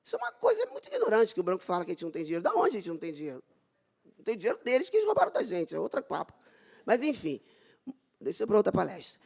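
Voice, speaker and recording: A middle-aged woman with a Brazilian Portuguese accent tells her own story from a stage. Her pitch swoops widely as she acts out the dialogue, and her voice has a gravelly fry. She talks with open, faith-filled zeal. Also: huge pitch swings, rapid-fire, a little mellow. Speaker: dermatologist giving a talk. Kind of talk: personal testimony talk on stage.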